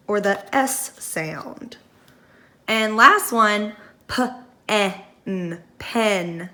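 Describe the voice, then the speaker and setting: Slow, bright-voiced woman teaching phonics. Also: medium pitch. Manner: slow, clearly sounding out letters and words; encouraging praise. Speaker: first grade teacher. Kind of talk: phonics lesson for young children.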